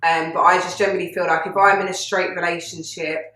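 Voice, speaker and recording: A woman's voice: lowish voice, little pitch movement, brisk, sharp tone. A woman with a British accent co-hosting a YouTube chat, reacting to confessions in a blunt, opinionated and very sweary way. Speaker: YouTube co-host. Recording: echoey room.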